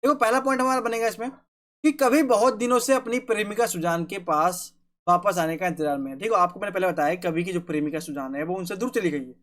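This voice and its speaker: Male teacher, poetry lesson, repetitive, checks in often, slow verse recitation. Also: high voice. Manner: recites verse slowly and loudly. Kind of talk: Hindi literature lesson for school students.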